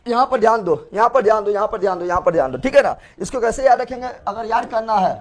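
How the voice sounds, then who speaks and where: A man's voice: sits high, lively intonation, fast. A male teacher gives a classroom lecture, asking a question and repeating the answer over and over. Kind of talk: classroom lecture with call-and-response.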